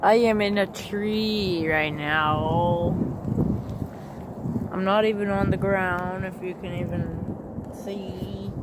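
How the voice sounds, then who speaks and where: Sitting up in a tree in the woods for a casual vlog, a man rambles hesitantly, full of fillers, through a gender swap filter that makes him sound like a woman. His voice is high-pitched and steady in tone at a slow pace, with heavy background noise.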